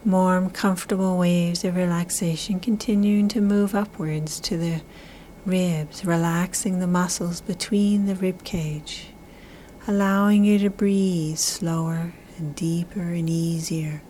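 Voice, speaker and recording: A woman leads a guided relaxation in a soft spa-like half-whisper. Her voice sits fairly low and soothing, with drawn-out, repeated phrases. A light layer of ambient noise runs behind her. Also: fairly even intonation, poor audio. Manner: slow, drawn-out phrasing with repetition.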